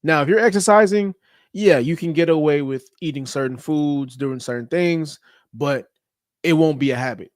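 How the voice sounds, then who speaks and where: A man's voice: a little high, moderate pace, no echo, clean studio sound. A man hosting a podcast, giving a blunt motivational talk about fitness and habits, with casual profanity and slang. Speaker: podcast host. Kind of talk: motivational monologue.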